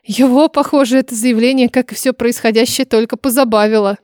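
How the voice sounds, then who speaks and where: Woman narrator, first-person audiobook, expressive, dramatic, fairly high voice, dry close sound. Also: fairly quick, no room sound.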